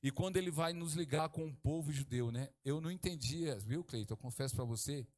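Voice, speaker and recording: A middle-aged man from Brazil, preaching a sermon as pastor, swinging from hushed to exclaiming. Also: fairly high pitch, brisk.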